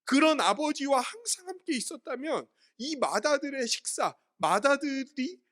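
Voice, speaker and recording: A man's voice: very high-pitched, big pitch swings, normal speed, fairly bright tone. A man preaching a sermon as pastor, asking his listeners questions and answering them himself while explaining words from the Greek Bible.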